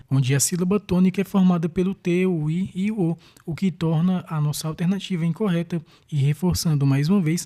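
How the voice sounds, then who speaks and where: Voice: mid-range voice, mellow. A teacher with a Brazilian accent works through exam questions one by one, explaining each answer methodically. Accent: Brazilian Portuguese.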